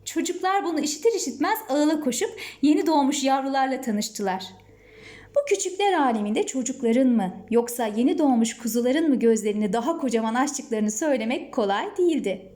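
A woman reading a children's story aloud in a lively, expressive storytelling manner. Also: high-pitched, fairly quick.

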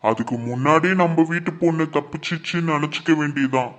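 A man playing a calm elder of the family who patiently consoles and advises. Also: a little high, quick pace, natural voice. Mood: consoling.

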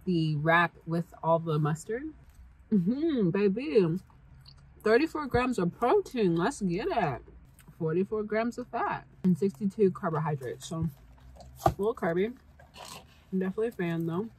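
Recorded on a low-quality camera mic, a young woman with a fairly low, slightly rough voice chats casually in her snack taste-test vlog. She sometimes talks with her mouth full.

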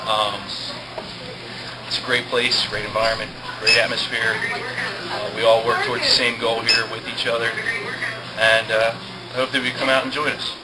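A man's voice: mid-range voice, flat delivery, moderate pace, pauses often, very noisy. A man giving a hesitant, friendly testimonial as a gym member, in an indoor gym.

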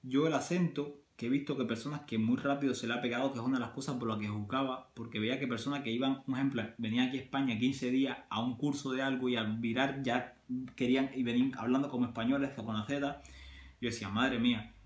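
A man's voice: medium pitch, fairly even intonation, quick pace, roomy sound. A man from Cuba with a Cuban Spanish accent, talking casually to his viewers and piling up examples as he goes. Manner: conversational, many restarts and examples. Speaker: vlogger. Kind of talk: casual talk to camera.

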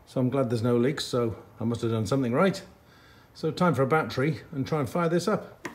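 A brisk, mid-range male voice comes through with slight background noise. He's recording a motorcycle repair vlog in his garage, muttering to the camera as frustration creeps in while he works.

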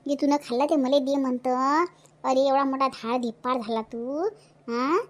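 A woman voicing a shrill, furious Vidarbha village mother. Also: flat delivery, moderate pace, close to an everyday voice. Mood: furious scolding. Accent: Vidarbha Marathi. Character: scolding widowed village mother, middle-aged, fierce. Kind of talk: cartoon voice acting.

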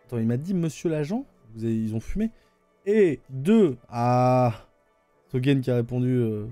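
Here a French-accented man with a warm, medium-pitched voice, recorded with no room sound, gives offhand live-stream commentary on his gameplay. He hesitates and rambles, leaning on fillers like "euh" and saying "attendez" over and over.

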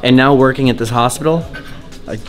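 A man in his twenties chatting casually and excitably in slang as he hosts an exploration vlog in empty indoor corridors. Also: medium pitch, fairly quick. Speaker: vlog host. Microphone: handheld vlog camera at arm's length. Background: background music.

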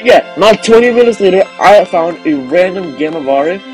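A man's voice: high-pitched, expressive, normal speed. A young man narrating a casual voice-over about his game hunting luck. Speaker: gaming YouTuber. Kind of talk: recorded vlog voice-over. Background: background music.

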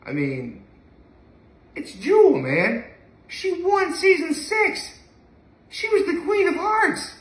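A young adult man vlogging to camera chats casually and enthusiastically in a rambling, conversational way, recorded in a living room from a few feet off. His voice is extremely high with big pitch swings, a slow pace, long pauses and a fairly bright tone. The room is echoey and the mic sits at a distance.

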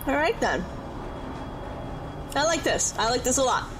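A woman giving casual let's-play commentary while she plays, muttering to herself with quick frustrated outbursts. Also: high-pitched, very animated, background noise. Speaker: gaming YouTuber. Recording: game music behind her voice. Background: game music.

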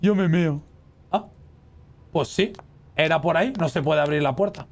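A man playing a horror game as a streamer, chatting casually with his viewers, swearing and yelling at the scares. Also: fairly high pitch, normal speed, gravelly. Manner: excitable, swears and shrieks at scares, talks to chat. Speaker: gaming streamer. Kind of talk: casual let's-play commentary.

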